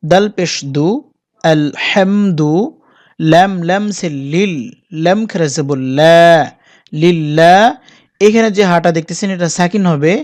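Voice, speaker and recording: Casting: recitation teacher, spells out sounds and then stretches model words slowly, talks straight to viewers. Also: medium pitch, darkish tone. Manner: drawn-out, slow model pronunciations between brisk explanation; addresses viewers directly. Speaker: Quran pronunciation teacher.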